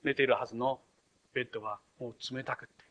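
A man's voice: mid-range voice, fairly even intonation, fast talker, fairly bright tone, lo-fi sound. A male pastor preaching an expository sermon, retelling scripture in a storytelling way with acted voices.

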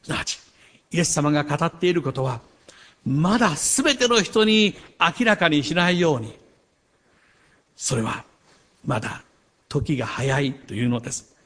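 A male pastor delivers a sermon in a slightly higher-pitched voice. He speaks earnestly, pressing his key points with rising volume. When he turns to a personal story, he drops into a softer, more confiding tone. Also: expressive, unhurried, long pauses.

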